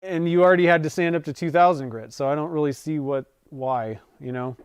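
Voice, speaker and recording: Speaking fairly quickly in a fairly high voice with fairly even intonation, this forties-aged livestream host chats casually from his home workshop. He rambles, often correcting himself and chuckling, and his clear, resonant tone comes through in a dry, studio-quality recording.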